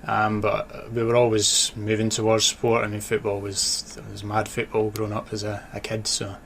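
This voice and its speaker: Thoughtful and halting, a Dundee-born author and sports journalist chats as a radio interview guest in a low, completely flat, fairly bright voice. His Scottish accent is a mix of Dundee, Glasgow and Edinburgh, with clear background noise.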